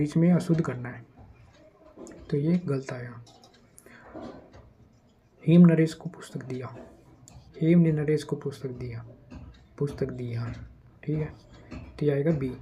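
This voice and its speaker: Mellow-voiced man teaching grammar. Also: on the high side, a little hiss or hum, rough recording. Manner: conversational teaching, reads questions slowly, quickens to warn. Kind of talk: exam prep grammar lesson.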